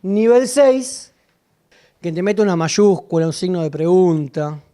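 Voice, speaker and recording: A woman's voice: fairly low pitch, brisk, mellow. Rioplatense woman teaching a workshop. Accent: Rioplatense Spanish. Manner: explanatory, asks and answers own questions.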